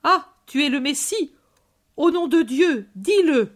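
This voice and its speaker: A woman voicing an angry crowd of grieving villagers shouting demands. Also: high-pitched, expressive, slow, voice pushed up. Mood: furious.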